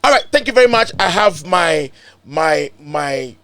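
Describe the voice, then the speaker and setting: A Ghanaian man hosting a live online political talk show, excitable and repetitive, swinging between loud bursts and soft asides. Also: fairly high pitch, measured pace, dry recording.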